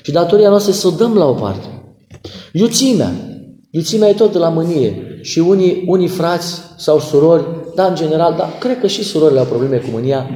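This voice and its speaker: A middle-aged man preaching a sermon, earnestly pleading, moving between loud cries and soft murmurs. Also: fairly high pitch, expressive. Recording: echoey church hall.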